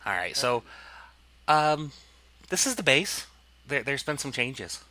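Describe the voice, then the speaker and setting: A man's voice: medium pitch, big pitch swings, slow pace, pushed and bright, no echo. A man casually commenting on his gameplay, rambling and explaining as he goes, with plenty of fillers. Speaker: let's play host.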